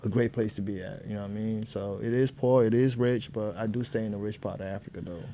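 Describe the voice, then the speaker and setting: Young man from Senegal, talk show guest, laid-back, quick delivery, faint room ambience. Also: lowish voice, fairly even intonation, warm tone, slight background noise. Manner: laid-back, easygoing, repeats "you know what I mean". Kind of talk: casual chat.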